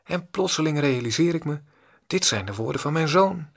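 A man reading a meditation teacher's discourse in a slow, deliberate, repetitive way. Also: a little high, expressive, gravelly, a bit bright. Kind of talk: read-aloud spiritual discourse.

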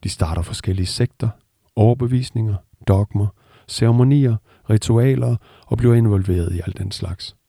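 A man with an Indian accent giving a meditation discourse, telling a parable in a measured, repetitive cadence. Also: lowish voice, creaky, mellow, no echo, clean studio sound. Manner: measured, repetitive teaching cadence, voices characters in the story. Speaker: meditation teacher.

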